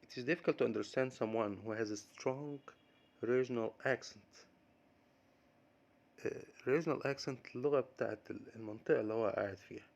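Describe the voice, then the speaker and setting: An Egyptian man with an Egyptian accent teaches English words. He says each term slowly, then explains it quickly in Arabic. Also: mid-range voice, vocal fry. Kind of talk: vocabulary lesson mixing English and Arabic.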